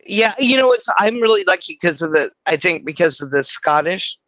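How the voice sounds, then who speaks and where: A middle-aged woman hosts a casual livestream chat, rambling crudely and poking fun at herself. Her lowish voice is animated and fairly bright, at a normal pace. The recording is dry and the audio sounds dull.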